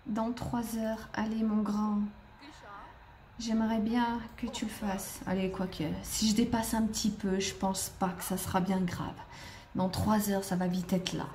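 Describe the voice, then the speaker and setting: A woman chats her way through a life-simulation game, reacting to what happens and talking straight to the characters. Her voice sits at an ordinary middle pitch. A faint noise hums under the recording. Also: steady tone, normal speed, a little mellow. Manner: chatty, talks to the game characters. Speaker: gaming video creator. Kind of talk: casual let's-play commentary.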